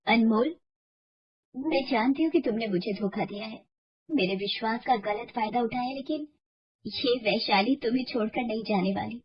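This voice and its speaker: A loving young wife, voiced by a woman, speaks with earnest, pleading conviction. Her voice is slightly high. The dull, lo-fi sound fits a storybook cartoon. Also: moderate pace, slight background noise, lightly acted. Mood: tender. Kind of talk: animated storybook voice acting.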